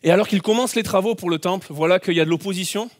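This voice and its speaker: A man preaching a sermon as pastor, telling a personal story with lively shouts and playful asides. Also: sits high, rapid-fire. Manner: animated storytelling, acts out scenes with shouts.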